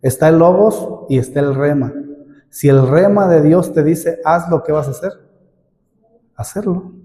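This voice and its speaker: Middle-aged guy preaching, mellow dark voice, lots of "brother" and questions, hall echo. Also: a little high. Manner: addresses listeners as "hermano", asks many rhetorical questions. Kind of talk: sermon. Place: church hall. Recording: long hall reverb.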